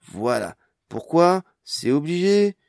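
A man voicing a blunt, anxious fifty-year-old dwarf woman in an audiobook, speaking in loud, exasperated outbursts. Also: on the high side, sing-song, slow pace, vocal fry, no echo, studio quality, voice pushed up, exaggerated voice.

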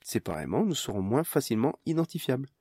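A man voicing a calm, learned magician in an audiobook, with a measured, formal and reassuring delivery. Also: medium pitch, slightly rough, no echo, clean studio sound.

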